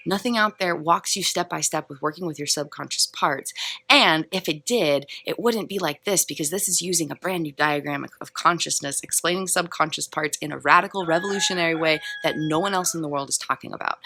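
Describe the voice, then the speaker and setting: Low, gravelly, bright-toned woman vlogger. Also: no room sound. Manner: enthusiastic, playful, laughs often. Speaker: self-help vlogger. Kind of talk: casual motivational monologue.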